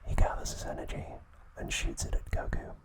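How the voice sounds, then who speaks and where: An ASMR host, a man, gives a recap in a full, breathy whisper with no voiced tone. He speaks slowly and measuredly, one phrase at a time.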